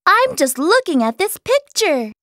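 Storybook role: a prickly young schoolgirl, very high and snappish, played by a woman, dry sound. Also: big pitch swings, measured pace, dry recording, full character voice. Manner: sharp, clipped delivery. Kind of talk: storybook character voice.

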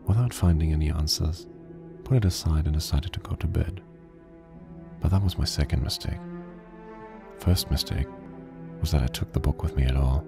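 A weary, grim private detective who narrates a horror game, his voice extremely deep and gravelly. The delivery is slow and flat, like noir storytelling. Loud game music plays behind him. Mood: brooding.

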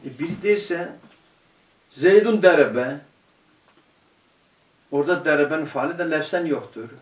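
A male teacher giving a grammar lesson to a class, putting questions to the students and answering them himself, and reading quoted classical phrases slowly. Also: fairly high pitch. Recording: roomy, distant room mic.

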